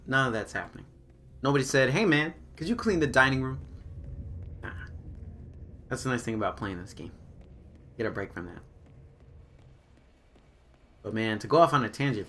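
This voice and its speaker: A man's voice: medium pitch, bright, forceful tone. A man doing casual, slangy live commentary on a video game, chatting to viewers and talking to himself and the game's characters.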